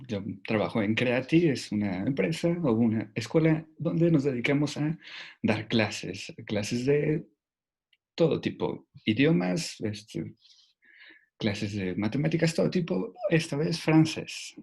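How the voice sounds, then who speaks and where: A man's voice: mid-range voice, lively intonation, takes it slowly, gravelly, darkish tone, breathy edge. A man teaching a French lesson online, patient and repeating key words. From Mexico.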